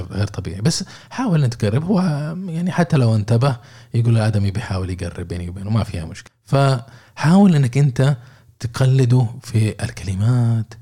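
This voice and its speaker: A man's voice: lowish voice, dark tone. A man with a Saudi accent giving an informal sales training talk, explaining with made-up example dialogues.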